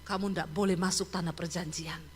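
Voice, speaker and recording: A woman voicing God as a stern, commanding deity, firm and measured. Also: fairly low pitch, fairly even intonation, breathy edge, voice pushed down. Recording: echoey hall.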